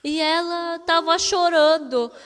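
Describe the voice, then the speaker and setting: High-voiced woman interpreting a sermon. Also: steady tone, a bit bright. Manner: short halting phrases with frequent restarts. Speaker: interpreter for a visiting pastor. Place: church hall. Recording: echoey church hall.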